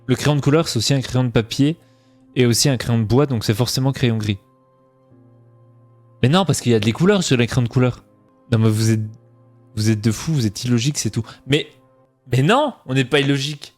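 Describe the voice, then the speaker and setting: A man's voice: medium pitch, fairly quick, pauses often, a little mellow, soft background music. A young man from Franche-Comté with a faint Franc-Comtois French accent, chatting casually with his stream chat and mocking himself. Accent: slight Franc-Comtois French.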